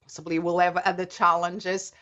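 A middle-aged woman with a Portuguese accent, a native Portuguese speaker, speaking as an interview guest in a thoughtful, measured way as she searches for words. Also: fairly low pitch, level tone, a bit bright, lo-fi sound. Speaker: guest, coach. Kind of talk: casual interview.

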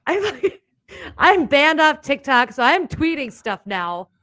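A woman with a somewhat high voice talks politics casually, sarcastic and animated, swearing freely and mocking the people she quotes. The sound is dry and close, with almost no room in it. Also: slow pace, no echo. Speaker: podcast co-host.

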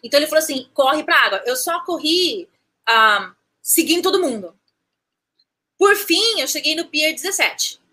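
A woman, recounting a personal story as an interview guest, animated, restarting phrases and acting out what people said. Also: sits high, normal speed, pauses often. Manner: animated, restarts phrases, acts out quoted speech.

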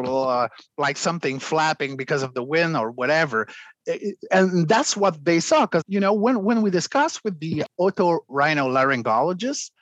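A guest vocalist explains extreme singing in a conversational interview, often clearing his throat between demonstrations. His voice is a little high, and the low-quality recording has no echo.

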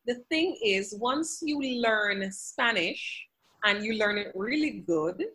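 A language educator, guest on a podcast, gives earnest, conversational interview answers from her home office, full of faith and quoting scripture. Her medium-pitched voice is animated, slow, pushed, and bright.

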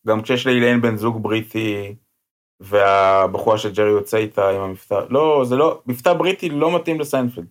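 A man co-hosting a podcast in casual chat, giving blunt opinions and steering the talk with questions. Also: fairly low pitch. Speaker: podcast co-host.

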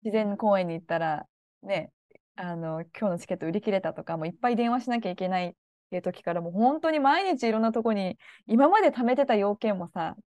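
Lively, expressive woman podcast co-host. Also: medium pitch, quick pace, no echo. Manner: expressive, laughs often while telling stories. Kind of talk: casual chat.

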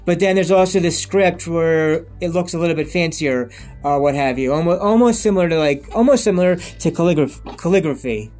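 Talking briskly in a fairly high, slightly mellow voice over soft background music, a man in his 30s vlogs straight to his viewers. His unscripted monologue wanders and repeats, full of restarts, returns to earlier points and emphatic lists.

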